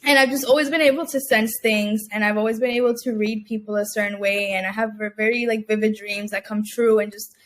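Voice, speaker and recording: A young Cuban woman, a guest entrepreneur in a casual interview, talks fast with hardly any pauses in a mid-range, fairly even voice. She's chatty, laughs often, and fills her speech with fillers and restarts.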